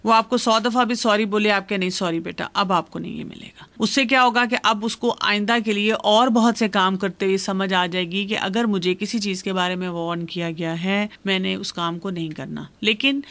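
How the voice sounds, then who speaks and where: A woman speaking as an expert guest on a radio program, calmly explaining parenting advice with everyday examples. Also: mid-range voice, moderate pace, hardly any pauses, dry recording.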